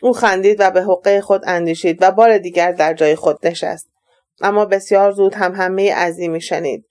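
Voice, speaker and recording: A woman narrating an audiobook in a steady, even reading voice. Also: on the low side. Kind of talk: scripted narration.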